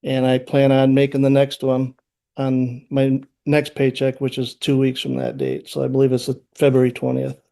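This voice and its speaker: Older man, tenant, polite, hesitant, monotone. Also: medium pitch, moderate pace, gravelly. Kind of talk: answering a judge.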